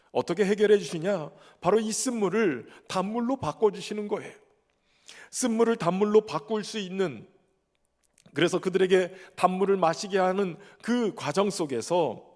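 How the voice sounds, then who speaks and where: A man's voice: sits high, a little mellow. A man preaching a sermon as pastor in a church sanctuary. He poses rhetorical questions and then answers them himself. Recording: long hall reverb.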